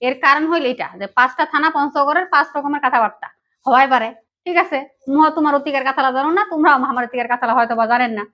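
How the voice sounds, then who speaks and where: A woman's voice: high-pitched, racing, highs cut off. A woman from Panchagarh, Bangladesh, speaking with a Panchagarh regional Bengali accent in a chatty, casual vlog, talking straight to her viewers. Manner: chatty, addresses viewers directly. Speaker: vlogger.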